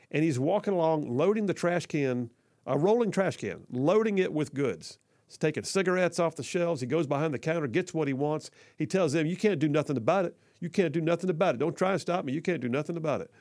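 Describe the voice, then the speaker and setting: A man with a gravelly, fry-laced, somewhat mellow voice of average pitch hosts talk radio on a studio microphone, reading listener messages and ad reads. He's expressive, a little fast, and folksy and rambling, often restarting sentences and filling pauses with "uh" and "um." His voice sounds close and dry, with no room sound at all.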